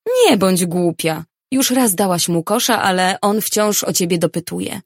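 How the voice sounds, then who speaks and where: A woman voicing a stern middle-aged mother who speaks firmly and insistently, scolding her grown daughter in a slow, controlling way. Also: on the low side, big pitch swings, no room sound, studio quality, full character voice.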